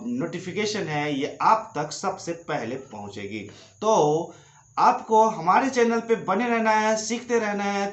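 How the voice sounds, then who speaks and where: A man teaching English pronunciation, explaining rules slowly and repeating each example word twice. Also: a little high. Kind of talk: slow classroom-style explanation with drilled word repetition. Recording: echoey room, slightly dull lo-fi sound.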